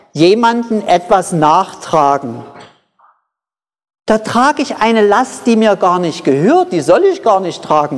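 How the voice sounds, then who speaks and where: A preacher giving a sermon in short, deliberate phrases, repeating key points for emphasis. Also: medium pitch. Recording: long hall reverb.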